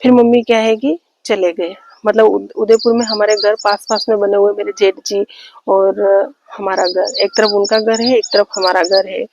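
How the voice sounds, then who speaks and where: A woman vlogger recounts a family story at an unhurried pace. Her voice stays flat and even, and she pauses often and restarts her sentences. The recording is a little dull and lo-fi, with faint background noise. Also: medium pitch, gravelly. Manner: slow, hesitant retelling with many fillers and restarts. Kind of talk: personal storytelling to camera.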